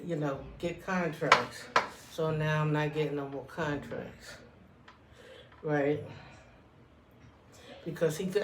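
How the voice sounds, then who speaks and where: A low-pitched woman, a vlogger, rambles through a casual personal story and keeps checking in with the listener. The room is echoey, the mic distant, with slight background noise.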